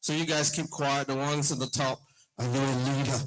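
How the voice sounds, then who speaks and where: A man with a Nigerian accent giving a lively motivational talk to a hall of young people, firing questions at the audience. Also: mid-range voice, fairly quick. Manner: energetic, call-and-response with the crowd, shouting questions. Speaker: motivational speaker.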